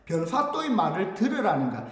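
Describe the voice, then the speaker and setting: A man teaching a lesson in a high, animated voice, slipping into the characters' lines as he explains them. He keeps checking in with his listeners. His voice rings through a big echoey hall. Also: fairly quick. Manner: lively, acts out the characters' lines in passing; often checks in with the class. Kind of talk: lecture on classical Korean poetry.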